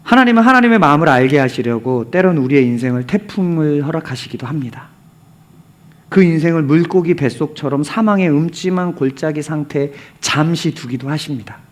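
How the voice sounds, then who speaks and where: A man's voice: on the high side, animated, fairly quick. A male pastor preaching a sermon, telling the story with animation and asking the congregation rhetorical questions, sometimes dropping to a near whisper for emphasis.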